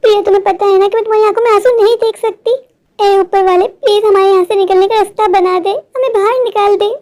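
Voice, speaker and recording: A woman's voice: very high-pitched, steady tone, fast, a little mellow. A woman voicing a stubborn, protective middle-aged mother who scolds insistently and speaks devoutly. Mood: scolding. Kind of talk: storybook voice acting.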